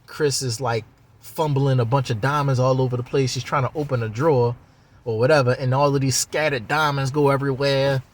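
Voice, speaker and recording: A man's voice: medium pitch, steady tone, fairly quick. A man talking in a loose, rambling monologue about spiritual ideas, casual and profane, with lots of fillers.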